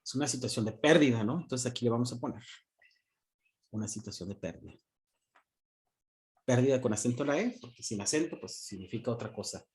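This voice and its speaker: Joking teacher lecturing online. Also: male voice, mid-range voice, animated, fast. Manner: joking, asks questions and answers them himself. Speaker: university economics teacher.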